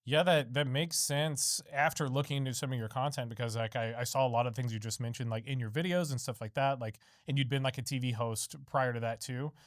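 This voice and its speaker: Male podcast host, mid-pitched, rambling and relaxed, dry close sound. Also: a little fast, few pauses, no echo. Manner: rambling, frequent "mm-hmm" backchannel. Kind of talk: casual interview chat.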